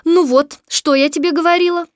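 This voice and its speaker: Storybook mother kangaroo acted by a woman: high voice, cheerful, coaxing and briskly firm, dry close recording. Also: steady tone, dry recording. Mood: brisk fussing.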